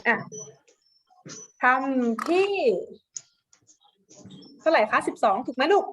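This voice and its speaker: A woman teacher giving a dictation lesson to children, repeating each word slowly and syllable by syllable, with a coaxing, affectionate manner. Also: sits high. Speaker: primary school teacher.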